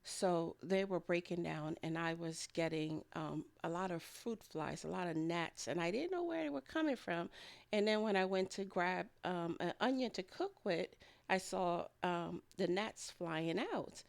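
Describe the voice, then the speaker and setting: A home food and garden vlogger narrates a kitchen process in a casual, rambling voice-over, often chuckling lightly. Her voice is fairly low, unhurried, with vocal fry.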